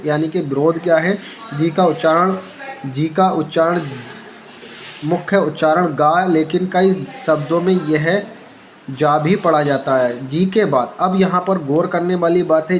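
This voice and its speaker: A man's voice: a little high, low-quality recording. A man teaching beginners how to read English letters, patiently repeating each point and asking the class questions. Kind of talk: Hindi phonics lesson for beginners.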